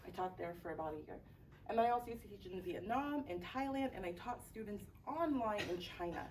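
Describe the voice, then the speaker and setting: A woman's voice: mid-range voice, expressive, brisk, darkish tone. A woman from Miami teaching a class, presenting and often checking in with the audience by asking "right?". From Miami, Florida, United States. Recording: distant mic with light background noise.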